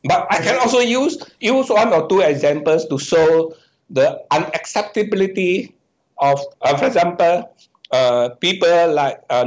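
A slightly high-pitched man speaks as a professor giving an interview. He reasons step by step, stops mid-word and corrects himself. The recording is dull and muffled, like lo-fi audio. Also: darkish tone. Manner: halting, self-correcting, explaining step by step. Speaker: economics professor, guest. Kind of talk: answering questions in a podcast interview.

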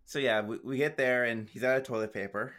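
A podcast co-host recaps a show in casual chat, trading easygoing dry asides and laughing often. His voice is medium-pitched and a bit bright, with fairly even intonation and a fairly quick pace.

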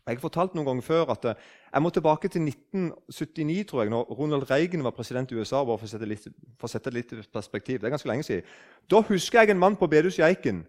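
A man in his sixties from southern Norway, telling a story in a conversational way, often restarting his sentences. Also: on the high side. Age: 60s. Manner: animated, restarts sentences, acts out quoted speech. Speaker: speaker on faith.

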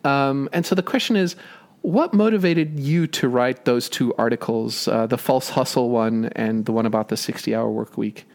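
A man's voice: medium pitch, moderate pace, darkish tone. Conversational male podcast host. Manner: conversational, loose questions with fillers. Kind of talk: interview.

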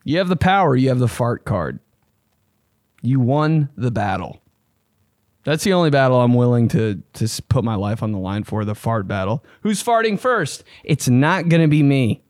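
A man's voice: mid-range voice, animated, normal speed, darkish tone, no echo, studio quality. A man chatting casually and comically as a host giving advice, talking like a slangy, profane, blunt frat bro. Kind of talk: casual comedic chat.

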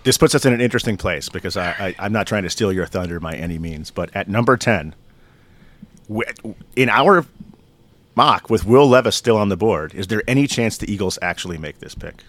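A man co-hosting a sports podcast, explaining his reasoning in a measured, casual way. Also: lowish voice, lively intonation, a bit bright. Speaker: podcast co-host.

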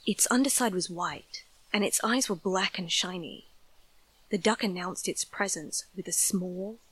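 A woman's voice: lowish voice, measured pace, a bit bright, husky, no room sound, poor audio. A woman narrating a scripted horror story in a dramatic storytelling style.

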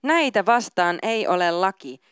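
A woman's voice: medium pitch, lively intonation, clear, resonant tone, no echo, clean studio sound. A woman pastor giving a sermon, reading scripture aloud and then talking casually and informally.

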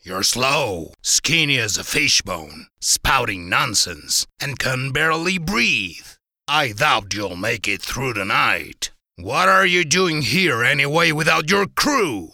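A man's voice: medium pitch, sing-song, slow pace, sharp tone, no echo, studio quality, heavily acted. A man voicing a smug, talkative male cat who lectures like a revolutionary and laughs at his own jokes. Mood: scornful.

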